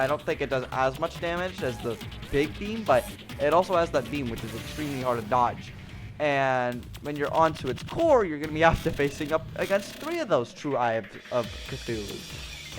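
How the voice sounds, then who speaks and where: Young man, casual game talk, rambling, restarts, a little breathless. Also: mid-range voice. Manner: rambling, filler-heavy, restarts often. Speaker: gaming youtuber. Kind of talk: casual ranking commentary.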